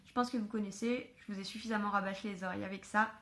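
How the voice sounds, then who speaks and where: A woman chatting casually to camera at home about books she was given, filling pauses with hesitations. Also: mid-range voice, fairly even intonation, a bit bright. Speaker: book vlogger. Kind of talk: casual book haul chat.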